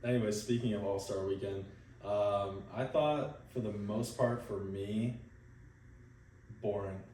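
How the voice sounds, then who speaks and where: A man's voice: lowish voice, fairly even intonation, a little slow, warm tone, slight background noise. A man in a casual sports chat, laid-back and opinionated. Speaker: podcast co-host. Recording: echoey room, mic at a distance.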